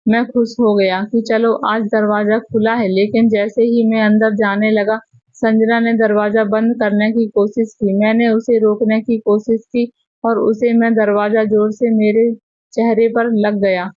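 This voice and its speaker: A woman tells a scripted first-person story in a steady, even way. Her voice sits a little high and barely moves in pitch. The recording is dry and somewhat muffled. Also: measured pace, no echo.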